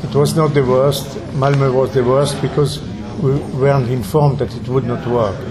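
A man from Germany whose first language is German, speaking slowly and deliberately in a group discussion. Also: mid-range voice, fairly even intonation, crowd noise, rough recording. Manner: slow, deliberate, with pauses.

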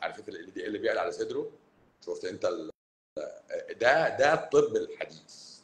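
A man from Cairo with an Egyptian accent, a doctor talking bluntly and emphatically to viewers on a livestream, swinging between loud and hushed. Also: on the low side, big pitch swings, fast, reverberant, rough recording. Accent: Egyptian Arabic, Cairo. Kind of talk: livestream talk answering viewers.

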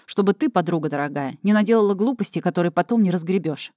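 A woman's voice: on the low side, expressive, fast talker, warm tone, no room sound, close to an everyday voice. A woman reading the lines of a bossy, meddling woman friend in an audiobook, in a blunt, lecturing way.

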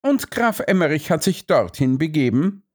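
Man putting on a higher, clipped detective voice, all sharp questions, lively pitch. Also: normal speed, husky. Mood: probing. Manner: terse, questioning. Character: sharp, probing male detective.

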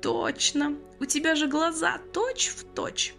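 A woman's voice: high voice, takes it slowly, creaky, fairly bright tone, soft background music, voice pushed up, exaggerated voice. A woman reading an audiobook, voicing a kind, emotional old man who used to be a train conductor, with a fussy, exclamatory manner. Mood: jovial.

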